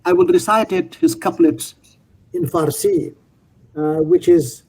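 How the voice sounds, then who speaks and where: A man giving an informal lecture who stops and repeats words often and fills pauses with "uh". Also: high voice, big pitch swings, vocal fry, darkish tone, breathy edge. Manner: halting, repeats words, many fillers.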